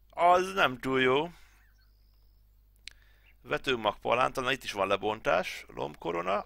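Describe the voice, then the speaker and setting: A man's voice: mid-range voice, gravelly, fairly bright tone, dry recording, clean studio sound. A man in his thirties from Hungary, casually thinking aloud as he plays through a farm game tutorial at home. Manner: thinking aloud, chatty, mutters to himself. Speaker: gaming channel host.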